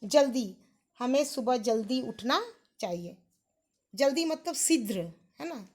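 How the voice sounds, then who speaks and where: An Indian woman schoolteacher gives a recorded lesson for primary pupils. She talks slowly in a slightly high voice and says words again and again so the children catch each sound. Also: animated, darkish tone. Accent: Indian English. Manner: slow, patient, repeats and contrasts sounds for children. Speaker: school teacher.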